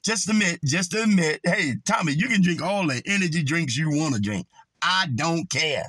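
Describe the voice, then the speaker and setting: A man's voice: a little high, expressive, moderate pace, a bit bright, no room sound. A man, scolding and preachy, quoting scripture in a confrontational video rant. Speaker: online commentator.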